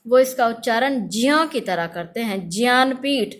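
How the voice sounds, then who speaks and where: A woman's voice: fairly high pitch, expressive. Woman teacher drilling letters aloud. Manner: drills letters slowly and loudly for pupils to repeat. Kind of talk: classroom grammar lesson.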